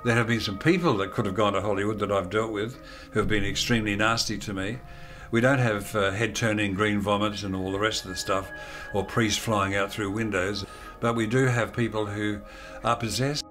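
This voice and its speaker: An older man in his seventies giving a measured, earnest documentary interview. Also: on the low side, steady tone, a bit bright, faint music behind. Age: older, about 70s. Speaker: exorcist interviewee.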